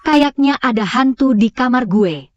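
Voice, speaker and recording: An actress dubbing a young female secretary in a drama series, answering back in a sharp, sulky way. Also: high voice, animated, a little slow, dry recording, highs cut off. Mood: worried. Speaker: dub actor. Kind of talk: Indonesian dub of a drama series.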